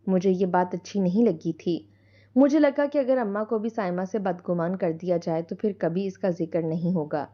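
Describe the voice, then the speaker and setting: A woman voicing a guilt-ridden sister-in-law who speaks softly and quietly. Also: on the low side, highs cut off, natural voice. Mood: remorseful. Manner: soft, subdued.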